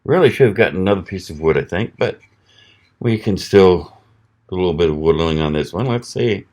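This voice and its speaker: A man from the American South, reviewing a knife on camera in a relaxed, folksy way, thinking aloud while he cuts. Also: low-pitched, a little fast. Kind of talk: casual product test vlog.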